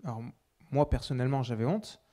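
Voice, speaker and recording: A male preacher recounts a personal testimony to his congregation in a mellow, dark voice. He often restarts his phrases, and his volume rises for emphasis before dropping to quiet asides. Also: medium pitch, animated, fairly quick. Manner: storytelling with many restarts, swings between loud and hushed.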